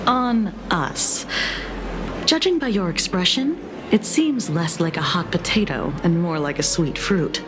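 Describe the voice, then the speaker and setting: A woman playing a shrewd, teasing police detective in a video game, with a measured, skeptical delivery. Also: fairly low pitch, noisy background, natural voice. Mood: amused, teasing.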